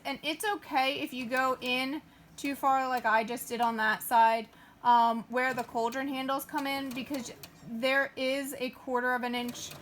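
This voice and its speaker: A woman's voice: a little high, a bit bright, slight background noise. A woman hosting a casual sewing tutorial, chatting and using lots of fillers as she talks through each step while she works. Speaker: craft tutorial host.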